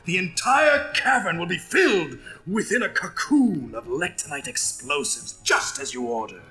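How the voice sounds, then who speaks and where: A man voicing a fawning, whiny robot aide who flatters his master on a 1980s read-along record. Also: on the high side, normal speed, soft background music. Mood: servile. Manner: servile, flattering.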